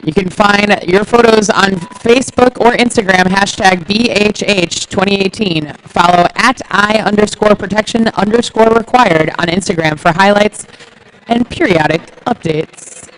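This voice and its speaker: A woman's voice: mid-range voice, normal speed, rough recording. A woman announcing at a roller derby event, reading updates in a chatty, enthusiastic way. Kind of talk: sports announcing and sponsor reads.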